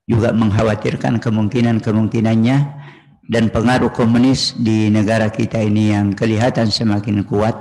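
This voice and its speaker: Low monotone guy asking a question at a mosque talk, slow, hesitant. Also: rough recording. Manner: formal greetings, slow and hesitant. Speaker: audience questioner. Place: mosque hall.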